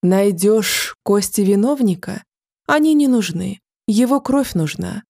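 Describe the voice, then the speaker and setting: A woman's voice: mid-range voice, lively intonation, gravelly, mellow, no room sound, clean studio sound. A woman voicing an ancient male ash tree spirit with a rustling, sneering voice, in an audiobook. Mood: stern. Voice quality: rustling, wind-like whisper. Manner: sly, sneering, drawn-out.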